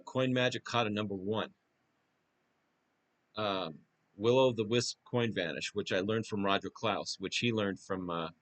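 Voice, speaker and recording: Low-voiced man pitching an instructional course. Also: fairly bright tone. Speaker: magic instructor presenting own course. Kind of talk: informal product pitch, reading through a list.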